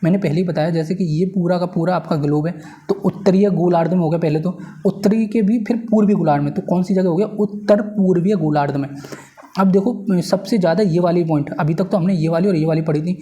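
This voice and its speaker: An exam-preparation teacher explains at a board in an informal lecture, repeating key points and using tag phrases to check that listeners follow. His high voice is fairly quick and dark in tone, with the highs cut off.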